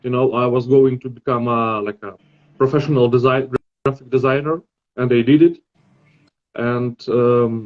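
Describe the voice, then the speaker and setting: A man with a Belarusian accent talks slowly and haltingly, reaching for English words as a podcast guest. His voice sits in an ordinary middle register. The sound is dull and lo-fi. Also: medium pitch. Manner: hesitant, searching for words. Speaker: guest artist. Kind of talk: casual podcast chat.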